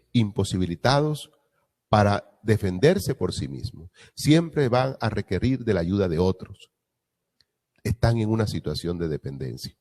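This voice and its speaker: A man's voice: fairly low pitch, dark tone. A man preaching a reflective meditation on a gospel reading, asking rhetorical questions and repeating key phrases.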